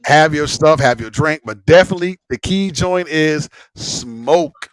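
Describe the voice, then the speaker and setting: A man's voice: on the high side, a little slow, no room sound. A man hosting a casual livestream chat, rambling and repeating himself with slang and frequent swearing. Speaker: host of a live smoke-session stream.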